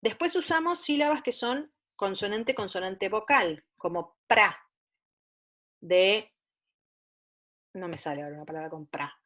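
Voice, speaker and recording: A woman's voice: mid-range voice, expressive, moderate pace, fairly bright tone. Methodical woman explaining step by step. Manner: patient, methodical, lists items step by step; sometimes stumbles and corrects herself. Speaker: psychopedagogue presenting to parents. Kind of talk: explanatory lecture.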